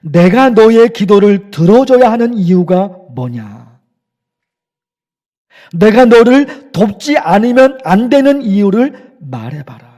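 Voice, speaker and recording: A man's voice: high-pitched, big pitch swings, slow pace, warm tone, full character voice. A man voicing God questioning a believer who is praying, asking probing and demanding questions. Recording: echoey church hall.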